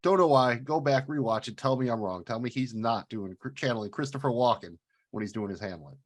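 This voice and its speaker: Man, podcast co-host, casual chatty review talk, mid pitch. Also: fairly quick, a little hiss or hum. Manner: chatty, hesitant with fillers.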